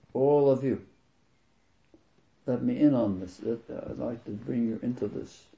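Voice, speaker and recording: A man preaching a sermon, reading scripture aloud and commenting on it, slowing right down to stress key words. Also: medium pitch, vocal fry, dark tone. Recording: dull lo-fi recording.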